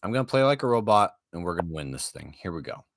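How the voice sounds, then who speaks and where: A man's voice: deep voice, very animated, fast talker, dry recording, studio quality. A young man commentating his own online chess games, swinging between panic and self-hype with self-deprecating jokes. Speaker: chess streamer.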